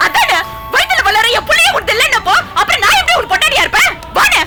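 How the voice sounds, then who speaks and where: A woman's voice: very high-pitched, big pitch swings, fast talker, loud music behind the voice. An actress playing a wronged pregnant wife who refuses to stay with her husband, in a TV serial. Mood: defiant. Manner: defiant, indignant. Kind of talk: TV serial acting.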